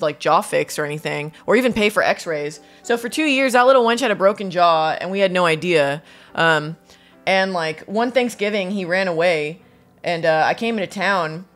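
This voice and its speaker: With dogs around her in a home studio, this woman co-hosts a podcast and swaps casual talk, cracking up often as she tells a story laced with swearing. Her voice is fairly low in pitch and fairly bright in tone.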